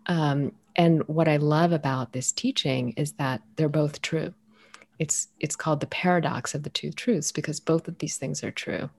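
A low-pitched woman guest reflects aloud in an interview. She muses gently, circling back with soft fillers as she reaches for the right phrase. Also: moderate pace, vocal fry. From United States. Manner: thoughtful, searching for words with many fillers. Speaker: author and guest.

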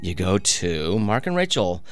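Animated low-voiced man, rambling podcast banter. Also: unhurried, clean tone. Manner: rambling, repetitive, profane. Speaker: podcast co-host. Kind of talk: casual, bantering chat. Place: outdoor patio at home.

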